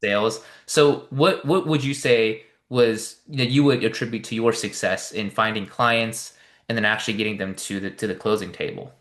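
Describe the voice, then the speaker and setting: A man's voice: lowish voice, fairly even intonation, normal speed, fairly bright tone. A man hosting an interview show, rambling through his questions with plenty of "you know". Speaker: podcast host. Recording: echoey room.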